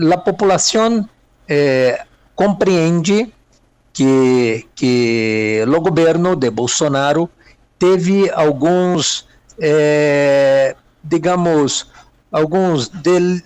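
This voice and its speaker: A man's voice: a little high, extremely slow, darkish tone, clean tone, dry recording. A man from Minas Gerais with a Mineiro Brazilian accent, answering interview questions hesitantly, with many fillers and Spanish words mixed in. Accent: Mineiro Brazilian Portuguese. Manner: mixes Spanish words into Portuguese. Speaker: political analyst guest.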